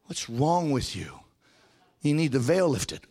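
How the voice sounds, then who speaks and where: A man preaching a fervent revival sermon in the manner of a Southern preacher, using repetitive rhythmic phrases and call-and-response, moving between conversational asides and shouted, half-sung proclamation. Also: fairly high pitch, sing-song, unhurried, slightly rough.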